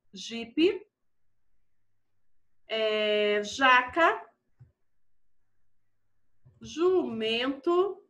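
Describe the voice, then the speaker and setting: A woman's voice: high-pitched, a bit bright, roomy sound. A woman teaching a primary school class, patiently walking through exercises and often checking in with the children. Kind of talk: classroom lesson walkthrough.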